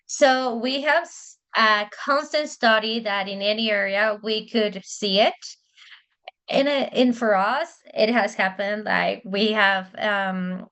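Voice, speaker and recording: A woman's voice: medium pitch, fairly bright tone. A woman whose first language is Spanish, explaining church interpreting in casual talk, hesitant with many fillers and restarts.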